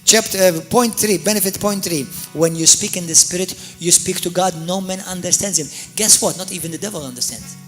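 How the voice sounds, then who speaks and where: Faint music sits behind a Maltese pastor giving a sermon in a high, fairly quick voice. He addresses the congregation head-on, telling lively stories and often restarting or repeating his words.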